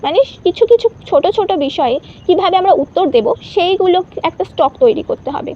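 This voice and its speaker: A woman teacher giving an exam-prep lesson, reading each English point out slowly before she explains it. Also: extremely high pitch, expressive, highs cut off.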